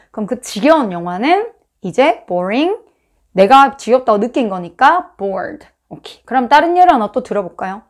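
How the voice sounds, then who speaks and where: A woman with a Busan accent explaining English grammar in a casual, chatty lesson, acting out examples with sound effects. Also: a little high. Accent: Busan Korean. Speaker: English teacher.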